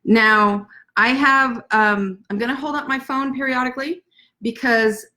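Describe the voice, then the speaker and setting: A woman author hosting a casual livestream from her desk, chatty and self-deprecating, talking fast. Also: high-pitched, fairly even intonation, bright, forceful tone. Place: at a desk indoors.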